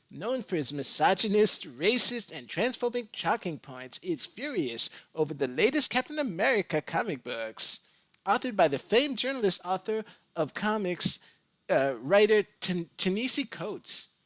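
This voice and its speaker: A man putting on a high, lilting Valley Girl voice to read a text aloud mockingly. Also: sharp tone, dry recording, full character voice. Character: airy young Valley Girl reading aloud.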